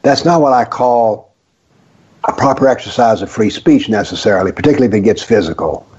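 A man's voice: lowish voice, lively intonation, fairly quick, a little mellow, breathy edge. An older man from the American South, a guest author on a radio talk show, telling stories with a wry, sarcastic edge. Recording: dull lo-fi audio.

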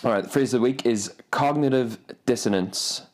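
A man co-hosting a podcast, chatting casually and teasing his friend with playful, drawn-out remarks. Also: mid-range voice. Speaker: podcast co-host. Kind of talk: casual banter.

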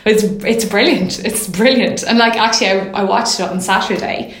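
A woman's voice: mid-range voice, moderate pace. A woman with a west of Ireland accent talks in an easy, conversational way. She tells anecdotes by voicing little imagined remarks. The recording is roomy, with noticeable echo around her voice. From Mayo, Ireland. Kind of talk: casual chat. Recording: roomy, echoing sound.

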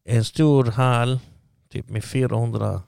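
Gravelly guy telling a long story on a podcast, dry close sound, acts out the dialogue. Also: medium pitch, no room sound. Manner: animated storytelling, acting out what people said. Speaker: guest. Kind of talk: casual storytelling.

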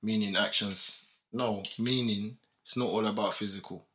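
A man's voice: on the low side, fairly even intonation, moderate pace, fairly bright tone. A young man with a London roadman accent debating casually on a podcast, full of slang and tag questions. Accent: London roadman, multicultural street English. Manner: repeats tag questions and checks he is understood. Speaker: podcast speaker.

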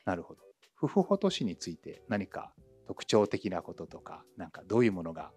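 A calm man with a low, mellow voice hosts a learning podcast. He asks questions and explains things patiently. His voice sounds a little husky, recorded dry and close with no room sound. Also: fairly quick, faint music behind. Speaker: podcast host and Japanese teacher. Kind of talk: podcast interview.

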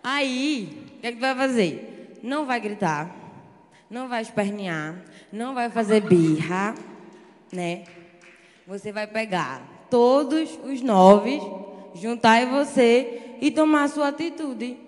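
A woman's voice: fairly high pitch, expressive, slow pace. A woman from the congregation, giving earnest, preachy advice. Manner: shy at first, then earnest and preachy. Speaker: church member answering. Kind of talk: spontaneous advice. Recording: echoey church hall.

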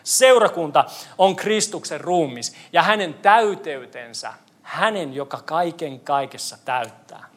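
A man's voice: a little high, animated. A male pastor giving a playful interactive sermon, quizzing the congregation. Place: church hall.

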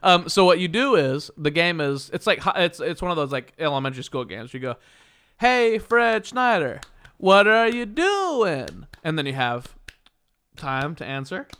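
A man's voice: on the high side, fairly quick, a bit bright. A man hosting a comedy podcast, chatting casually and rambling while explaining a game. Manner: rambling, restarts, laughs often. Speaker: podcast host.

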